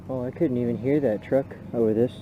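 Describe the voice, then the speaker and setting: A man vlogging from his motorcycle in casual, halting talk full of fillers, his voice muffled inside a helmet. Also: mid-range voice. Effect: muffled, talking inside a motorcycle helmet. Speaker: motovlogger. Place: outdoors on a motorcycle, cold weather. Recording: dull lo-fi sound with faint road noise.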